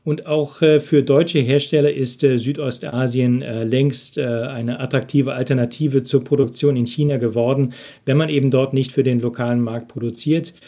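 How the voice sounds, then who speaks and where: Interviewed remotely from Japan, a business expert answers questions with plenty of hesitant filler sounds. His mid-range voice is warm, with fairly even intonation and a moderate pace. The recording sounds muffled.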